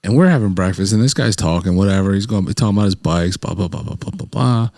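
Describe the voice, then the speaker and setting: A man telling stories in casual podcast chat, animated and profane, laughing often. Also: sits low, fast, no room sound, studio quality. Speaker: podcast co-host.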